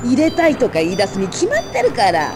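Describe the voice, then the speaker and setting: A motherly middle-aged shopkeeper in a video game. Her folksy, familiar talk rises and falls in a lively way over music. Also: fairly high pitch, brisk. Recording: music behind the voice.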